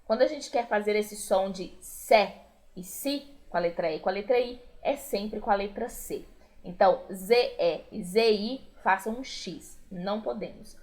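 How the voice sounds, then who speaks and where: With a medium pitch, a measured pace and a darkish tone, a woman with a Brazilian Portuguese accent teaches Spanish in a recorded lesson. Each word gets a clear, patient repetition.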